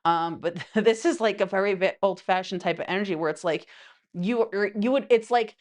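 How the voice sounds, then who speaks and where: Here a tarot reader with a mid-range voice keeps a brisk pace through an easygoing reading. She drifts through rambling side comments, often falling back on "you know" and "right."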